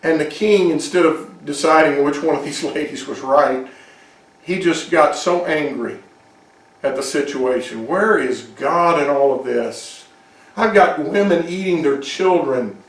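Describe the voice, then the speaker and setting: A man's voice: a little high, measured pace. A man preaching a sermon, retelling a Bible story in a folksy way with chuckling asides. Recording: echoey room, distant mic.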